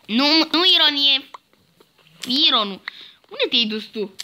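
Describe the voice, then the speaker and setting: A woman's voice: high-pitched, lively intonation, pushed and bright, a little hiss or hum. A young woman hosting a casual Minecraft let's-play, bossy and teasing toward her friend. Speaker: host.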